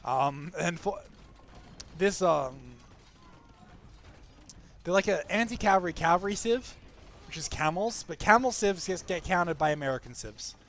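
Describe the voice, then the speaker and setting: Male esports caster, fairly high voice, chatty live commentary. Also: animated, a little slow, long pauses, fairly bright tone. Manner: chatty, frequent restarts and fillers.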